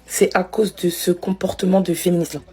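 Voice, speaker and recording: A woman's voice: on the low side, little pitch movement, moderate pace, mellow, slightly rough. A woman giving emphatic opinion commentary to camera.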